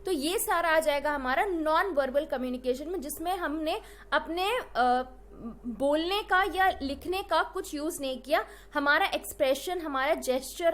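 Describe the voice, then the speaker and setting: A woman's voice: high voice, fairly bright tone. A woman teaching an exam-prep lecture who explains with everyday examples, switches between Hindi and English, and keeps checking in with her students. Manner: checks in with "right?" and "ठीक है?".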